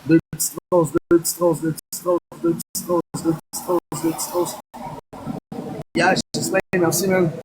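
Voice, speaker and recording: A man's voice: fairly high pitch, flat delivery, moderate pace. Chatty Québécois man on a live stream. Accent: Québécois French. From Quebec. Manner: chatty, thanks viewers by name, chants hype phrases. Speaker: livestream host. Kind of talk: casual livestream chat to viewers. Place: outdoors across from a busy boulevard. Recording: faint street noise behind.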